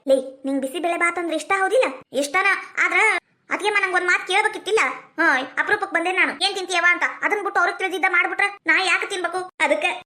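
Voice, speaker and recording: A woman with a North Karnataka accent performing a village comedy skit, talking in rapid, chiding village banter. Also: very high voice, sharp tone. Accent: North Karnataka Kannada.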